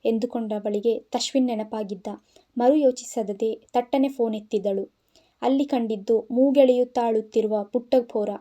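A woman's voice: fairly high pitch, fairly even intonation, moderate pace, warm tone. A woman narrating a novel as an audio story.

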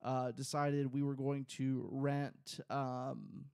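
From a small home room, another man in his thirties co-hosts the podcast through a close boom mic and headphones, chatting loosely with crude humor and many fillers. His mid-range voice is slow, little varied in pitch, slightly mellow, clear and resonant with vocal fry. There is no room sound, just studio quality.

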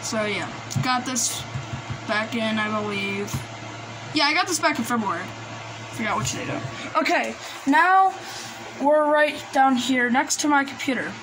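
Holding a phone camera, a woman gives an unhurried, animated show-and-tell of her collected gadgets in a high voice, rambling and hesitant. She's at a desk in a small indoor room, and the noisy handheld audio includes background hiss, noise and radio devices.

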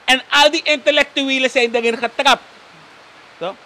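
A man's voice: very high voice, steady tone, normal speed, pushed and bright. A man with a Surinamese Dutch accent, a guest commentator on a live interview show, who tags nearly every sentence with a questioning "toch?" and mixes in Sranan phrases.

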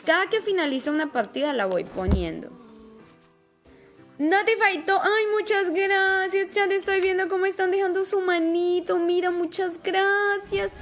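A woman's voice: very high voice, measured pace, fairly bright tone, soft background music. A woman live-streaming a game in casual chat, affectionate and talkative, greeting viewers by name.

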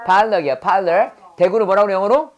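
The audio is dull as a fast-talking woman of medium pitch teaches English vocabulary. She drills the words by repetition and quizzes her students in a call-and-response format.

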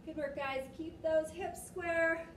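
A young woman working as an aerobics instructor, calling out cues and encouragement in short, energetic, motivating bursts. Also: extremely high pitch, slow. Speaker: aerobics and fitness class instructor. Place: large gym studio, indoors. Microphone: distant camera microphone. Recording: echoey gym, distant mic, noisy.

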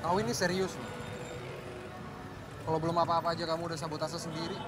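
A man's voice: fairly high pitch, little pitch movement, fast talker, loud music behind the voice, natural voice. A young man in a film drama, defensive and pleading with his fiancée. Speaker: groom-to-be.

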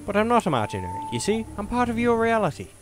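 A man's voice: high-pitched, huge pitch swings, fast talker, faint music behind, voice pushed up. A man voicing a sly, cheerful skeleton in a top hat with a put-on Irish accent, lilting and theatrical. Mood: persuasive.

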